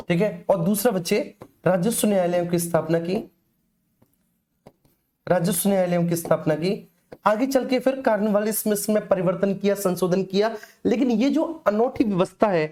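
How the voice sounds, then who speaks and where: Mellow-voiced woman teaching an exam-prep class. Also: medium pitch. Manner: repeats key answers, calls students beta and bachhe. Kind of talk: online exam-prep lesson.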